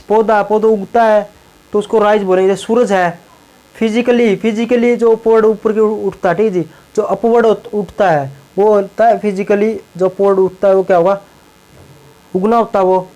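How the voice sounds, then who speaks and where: Young male teacher with a high voice who repeats key words and keeps checking in with the class. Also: steady tone, normal speed, darkish tone, clear, resonant tone, poor audio. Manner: repeats words and tags lines with a check-in phrase. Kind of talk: classroom lesson explaining English verbs in Hindi.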